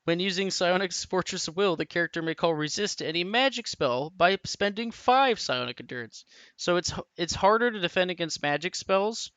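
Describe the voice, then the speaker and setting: Rambling man with a bright, crisp voice. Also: a little high, no echo. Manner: rambling, with frequent restarts and "like". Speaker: tabletop and larp rules reviewer. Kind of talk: casual unscripted rant to camera. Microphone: camera mic.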